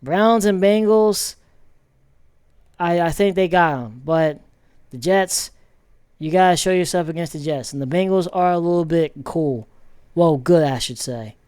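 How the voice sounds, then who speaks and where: A man casually rambling through football commentary with many pauses and restarts. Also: a little high, a little mellow, smooth, no echo, clean studio sound. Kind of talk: casual sports commentary vlog.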